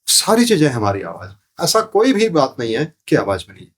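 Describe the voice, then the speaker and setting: Guesting on a podcast, a male sound therapy teacher explains spiritual ideas with huge pitch swings. His husky voice is fairly high and fairly bright, and his pace is moderate. He speaks didactically, repeating phrases and asking rhetorical questions.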